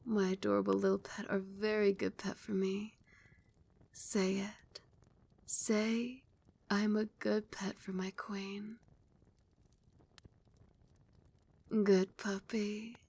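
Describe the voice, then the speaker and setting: A woman voices an adoring vampire queen for ASMR, speaking slowly in a soft, breathy, mid-range murmur that frequently becomes a whisper. The delivery is flat but soothing and possessive, both regal and tender, carrying an intimate, praising feel.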